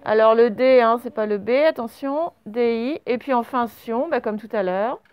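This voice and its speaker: A woman's voice: on the high side, normal speed, clean tone, highs cut off. A woman teaching a children's dictation, stretching each word and spelling it out syllable by syllable. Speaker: primary school teacher.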